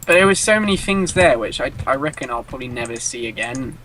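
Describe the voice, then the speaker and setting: A young man from England, co-hosting a gaming video, telling stories with lively animation and frequent laughs. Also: mid-range voice, fast, a little hiss or hum, low-quality recording. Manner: animated storyteller, laughs often. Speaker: let's play co-host. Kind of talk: casual gaming chat.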